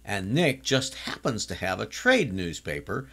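A man in his sixties recapping a TV episode in a chatty, casual way, now and then breaking into animated exclamations. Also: fairly low pitch, measured pace, vocal fry. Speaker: TV series reviewer.

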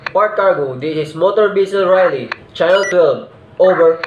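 A man's voice: high-pitched, normal speed, muffled recording. A young man playing a ship's officer in a marine radio roleplay, speaking in formal, clipped radio phrasing and closing each turn with "over". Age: young adult. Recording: echoey room with loud noise.

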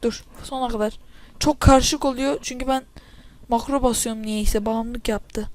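A woman casually commentating her own gameplay into a headset mic, excitable and often breaking into loud yells. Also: fairly high pitch, moderate pace. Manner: excitable, bursts into loud yelling at setbacks. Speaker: gamer commentating own play. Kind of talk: casual let's-play commentary. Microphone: spare headset mic.

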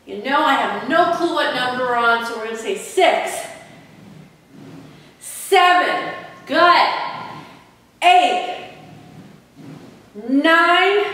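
A woman fitness instructor leads a home workout in a high, bright voice with a forceful tone, counting reps and cueing moves while upbeat and encouraging, urging listeners on. She films herself with a distant camera in a room of her own house, and the echoey space gives a long reverb.

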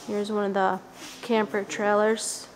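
A woman from Western New York, on the auction house staff, walks through a large indoor vehicle warehouse giving an informal tour on a handheld camera. Her mid-range voice stays fairly level at a measured pace, plain and casual, and she corrects herself as she goes. The noisy camera audio picks up crowd sounds around her.

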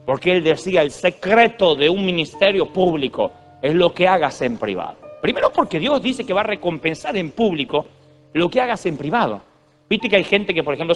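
A man in his thirties with an Argentine accent, giving a humorous, digressive sermon full of stories. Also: on the high side. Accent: Argentine Spanish. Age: 30s. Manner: storytelling, digressive, jokey. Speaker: preacher.

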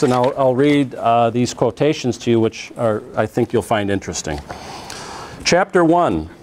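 Middle-aged man, classroom lecture, conversational, halting fillers and restarts, lapel mic. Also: a little high, a little mellow. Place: classroom in front of a projected slide.

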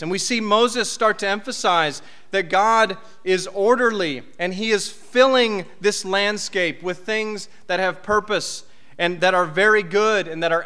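A man's voice: high-pitched, bright, forceful tone, smooth. A man in his thirties preaching a conversational sermon from a church podium, with asides and rhetorical questions. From United States. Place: church hall. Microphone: podium mic.

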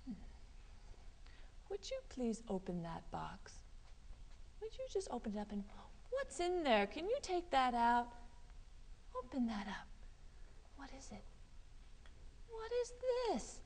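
A woman leads a children's yoga lesson in a library room. She coaxes and animates her young audience, her pitch swinging widely. A long reverb trails her voice. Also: unhurried, long pauses, a little hiss or hum. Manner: animated, coaxing, sprinkles in Spanish words. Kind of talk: teaching children live.

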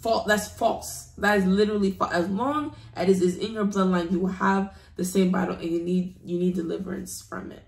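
A woman's voice: mid-range voice, steady tone, moderate pace, vocal fry, hardly any pauses, a little mellow. A woman from the United Kingdom giving an earnest personal testimony, urging listeners with a preaching emphasis. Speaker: testimony guest. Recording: roomy echo.

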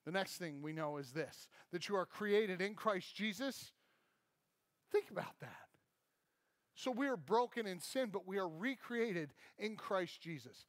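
A man in his thirties delivers a sermon from a church stage, pacing and gesturing as he talks. His voice sits high for a man. The sound is dry and close, with little room echo. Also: animated, unhurried. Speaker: pastor. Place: church stage, large indoor hall.

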